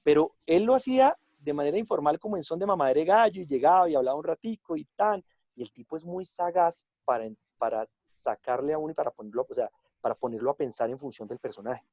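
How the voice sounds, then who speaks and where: Colombian male guest storyteller, somewhat high, mellow voice, dull dry video-call sound. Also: quick pace, no room sound. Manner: animated storytelling, drops into quoted voices. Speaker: guest actor and director. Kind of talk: casual chat.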